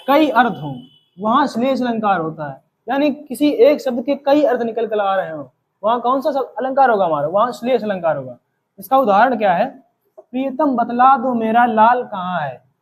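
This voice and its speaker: A man teaching a grammar lesson, explaining each term by asking a question and then answering it, slowing down to recite example verses. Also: very high-pitched, husky, low-quality recording.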